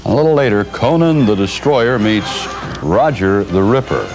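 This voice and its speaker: This is an American man reading a scripted evening television newscast, heard on noisy 1980s broadcast videotape. His voice is on the low side and expressive, at a normal pace.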